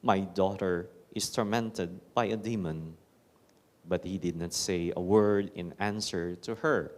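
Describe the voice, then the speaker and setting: Filipino priest in his forties, deep and slow, solemn in the reading and wry in the homily, caught in a big church's cathedral echo. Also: steady tone, darkish tone. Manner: measured, solemn proclamation that turns to joking self-mockery in the homily. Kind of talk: proclaiming a gospel reading and preaching a homily. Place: large church. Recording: long echoey church reverb.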